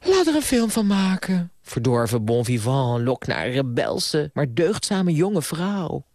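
A man voicing a spoiled, defiant rich young woman in a radio play reading, scornful and sharp-tongued. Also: big pitch swings, normal speed, no room sound, studio quality. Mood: mocking. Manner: scornful, sharp-tongued, raised falsetto-like pitch.

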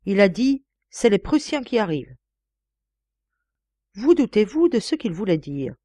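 Young detective, male, self-assured, measured, animated pitch, played by a woman. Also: no room sound, studio quality. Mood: explaining. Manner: calm, explaining, measured.

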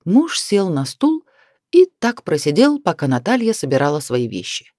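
Woman narrating an audiobook, lively pitch. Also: moderate pace, dry recording, clean studio sound.

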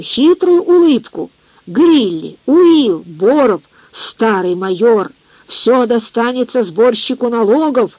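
A woman's voice: mid-range voice, no room sound. Woman reading as a drunken raging old father. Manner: slow, bellowing tirades. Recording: muffled lo-fi dry recording.

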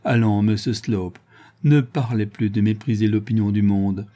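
A man's voice: lowish voice, fairly even intonation, moderate pace, warm tone, lightly acted. A man reading an audiobook voices a proud, scornful woman who teases her suitor. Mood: mocking. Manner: scornful and teasing. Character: mocking, proud, worldly signora, woman.

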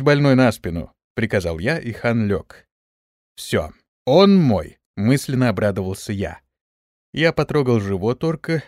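A man narrating a fantasy audiobook in the first person with an expressive delivery. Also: fairly low pitch, no echo, clean studio sound.

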